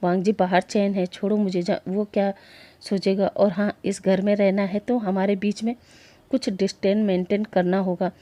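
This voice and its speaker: A woman's voice: mid-range voice, level tone, moderate pace, warm tone, no room sound, lightly acted. A woman voicing a shy, easily flustered young man in a story she narrates. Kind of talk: storytelling voice acting.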